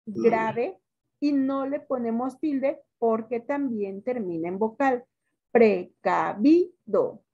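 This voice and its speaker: A woman's voice: fairly high pitch, mellow, breathy edge, muffled recording. Mexican woman teacher drilling her class. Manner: stretches words out slowly and quizzes the class. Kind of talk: classroom lesson.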